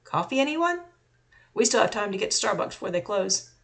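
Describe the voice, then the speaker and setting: A woman's voice: mid-range voice, very animated, brisk, creaky, fairly bright tone. A woman reading the lines of a blunt, no-nonsense male police officer. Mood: dismissive.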